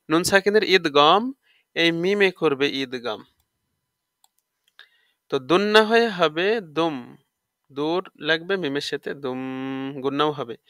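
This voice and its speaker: A man teaching tajweed, spelling out letters and rules step by step and drawing out the recited words slowly, with a Bangladeshi Bengali accent. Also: a little high, bright, forceful tone, clear, resonant tone, no echo, clean studio sound. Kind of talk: tajweed lesson with slow recitation.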